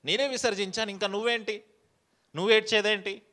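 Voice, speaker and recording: A preacher lends his voice to God, who presses a mourner with sharp, repeated questions, a little higher and louder than his usual speech. The rebuke comes straight and firm, in a sermon retelling. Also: steady tone, brisk. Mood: rebuking. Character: God questioning a grieving prophet.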